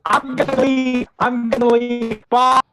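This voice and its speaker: Man, glitchy robotic audio, pitch jumps, far off laptop mic, video call. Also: little pitch movement, unhurried, fairly bright tone, faint music behind. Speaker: comedian guest. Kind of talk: casual chat.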